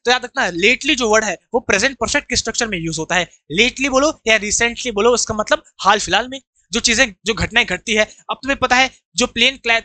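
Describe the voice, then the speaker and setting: Indian male tutor, online vocab class, lively and bright, dry recording. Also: sits high, dry recording. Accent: Indian English. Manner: explains terms, has students repeat after him. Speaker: English teacher.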